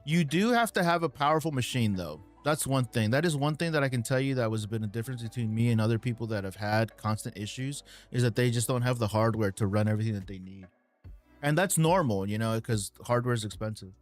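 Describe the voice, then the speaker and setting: A man's voice: medium pitch, fast talker, soft background music. Laid-back man hosting a live Q&A. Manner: laid-back, calls viewers man and bro, many ums and uhs. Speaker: livestream host answering viewer questions. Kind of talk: casual live Q&A chat.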